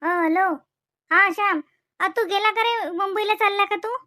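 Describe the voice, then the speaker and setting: A woman voicing a sharp-tongued village wife in a cartoon, with an indignant, scolding manner. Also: moderate pace, dry recording, clean studio sound. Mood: chatty on phone. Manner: scolding, indignant, high and shrill.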